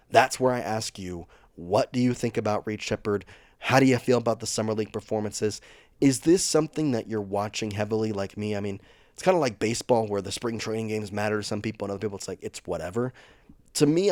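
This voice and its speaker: With a fairly low, darkish voice and no room sound, a man runs a sports channel, going over team news in a chatty, opinionated casual vlog where his pace picks up in bursts.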